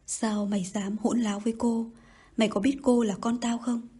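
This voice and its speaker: A woman's voice: a little high, level tone, moderate pace, slightly rough. A woman voicing a harsh old mandarin. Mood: menacing. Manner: shouting threats and insults. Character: harsh older male mandarin, threatening. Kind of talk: audiobook reading.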